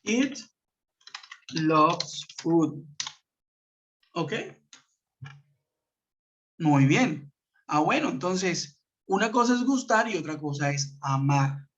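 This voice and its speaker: A man teaching an online class, explaining patiently, checking in with his students and reading example sentences slowly. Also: fairly high pitch, lively intonation. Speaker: English teacher. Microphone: computer mic on a web conference. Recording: muffled web-conference audio.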